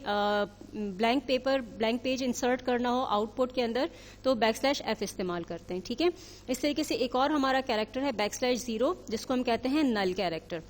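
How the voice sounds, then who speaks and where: A woman's voice: sits high, long reverb tail. A woman teaching programming in a recorded lecture, explaining step by step, often checking with "theek hai?" and mixing English technical terms into her speech.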